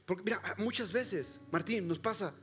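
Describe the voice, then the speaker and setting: A pastor preaches to his congregation in a fairly high voice, rising to loud calls and dropping to hushed near-whispers. He keeps pressing the listeners with direct questions, and soft music plays faintly behind him. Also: moderate pace. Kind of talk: sermon. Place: church service before a congregation.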